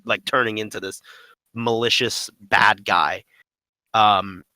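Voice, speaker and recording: Bright-voiced animated man chatting. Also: lowish voice, takes it slowly, no room sound, poor audio. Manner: animated, laughing storyteller. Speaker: podcast co-host. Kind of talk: casual gaming podcast chat.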